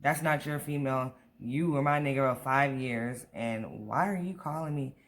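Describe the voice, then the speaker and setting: A man's voice: mid-range voice, moderate pace, fairly bright tone. An American man talking casually and at rambling length to viewers, venting in a storytime vlog. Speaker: vlogger. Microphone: camera on a tripod.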